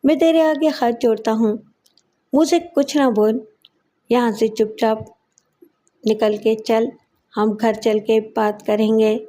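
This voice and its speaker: A woman narrator voicing a rough, bullying husband who threatens and pleads in turn, in an audio story. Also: on the high side, fairly even intonation, long pauses, mellow, lightly acted. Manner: gruff threats, then pleading. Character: rough, bullying servant husband, grown man.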